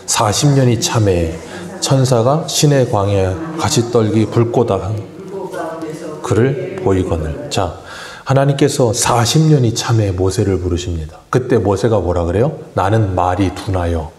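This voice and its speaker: A man's voice: on the low side, a little slow, reverberant, crowd noise. A man preaching a morning sermon as pastor, asking the congregation questions and answering them himself. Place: church sanctuary.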